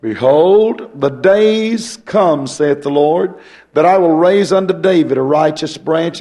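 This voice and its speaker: With a hoarse, mellow voice on the high side, a male pastor talks in a folksy, rambling way before reading scripture in a rising preaching cadence.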